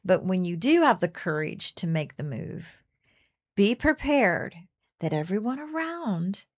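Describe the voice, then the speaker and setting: A middle-aged woman co-hosts a faith radio talk show, earnest in a casual discussion of faith, often restarting sentences and acting out quoted speech. Her voice is on the low side with big pitch swings, and she speaks a little slowly.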